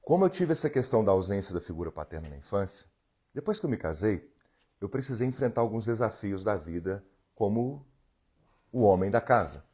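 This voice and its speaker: A man in his 40s, an emotional healing therapist, live streams from his home, speaking earnestly and directly to viewers, coaching them and reading their comments. His lowish voice is mellow with a breathy edge, sing-song and fairly quick.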